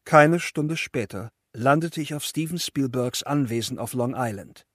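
A man's voice: medium pitch, a little slow, a bit bright, dry recording, studio quality. Man narrating with self-mocking liveliness. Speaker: audiobook narrator. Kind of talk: scripted audiobook narration.

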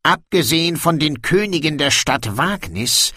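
A man reading an audiobook, voicing a blunt, secretive male dwarf king in a raised, slow, deliberate voice. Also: fairly high pitch, expressive, sharp tone, husky, dry recording, studio quality, voice pushed up, heavily acted. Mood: matter-of-fact.

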